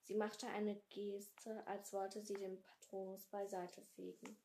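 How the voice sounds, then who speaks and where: A woman reading a fantasy novel aloud in a slow, hushed storytelling manner. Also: mid-range voice, level tone. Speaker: podcast host reading aloud. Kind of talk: slow dramatic read-aloud.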